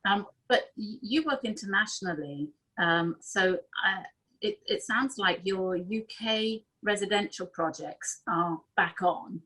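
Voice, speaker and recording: A woman's voice: medium pitch, unhurried, bright, forceful tone, husky, rough recording. A woman moderating a panel webinar, asking questions with hesitant ums. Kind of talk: panel discussion.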